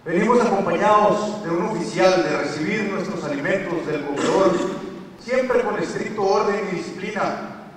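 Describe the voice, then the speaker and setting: A man's voice: high voice, moderate pace, a little hiss or hum, lightly acted. A man playing a male inmate who speaks directly to an audience of students in a didactic, earnest way, heard from far off in an echoey hall. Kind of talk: live stage performance.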